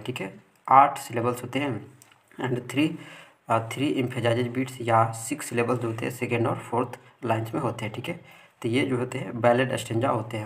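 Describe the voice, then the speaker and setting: A man teaching English literature, explaining definitions slowly and checking in with his listeners often. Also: medium pitch, fairly bright tone. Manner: mixes Hindi explanation with slowly read English definitions, frequent "ठीक है" checks. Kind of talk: explaining poetry terms in a video lesson.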